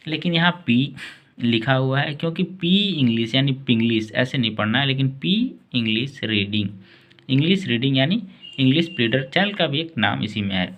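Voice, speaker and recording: A man's voice: mid-range voice, muffled recording. A man hosting a beginner English lesson. He spells each word out letter by letter and drags out the words he wants learners to catch. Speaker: English teacher and channel host.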